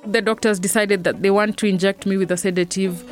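Woman telling her story, matter of fact, mid pitch, faint music under it. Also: steady tone, brisk. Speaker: guest in episode preview. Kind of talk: personal account.

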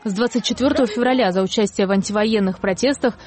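A woman narrates a news feature in a calm, measured voice-over. Her pitch sits in the middle of the range and the read stays even and scripted from line to line. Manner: even, measured report reading.

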